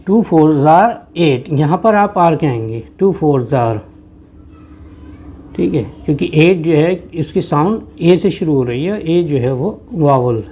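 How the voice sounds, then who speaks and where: A man teaching English pronunciation in Hindi, patiently repeating and slowly spelling out each sound. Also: a little high, a little mellow. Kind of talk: explanatory lesson.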